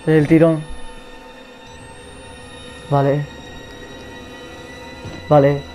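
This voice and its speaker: A young man with a Spain Spanish accent, giving nervous, rambling, joking commentary while playing a horror game and shouting at its enemies. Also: fairly high pitch, level tone, extremely slow, faint music behind. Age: young adult. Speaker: let's play gamer.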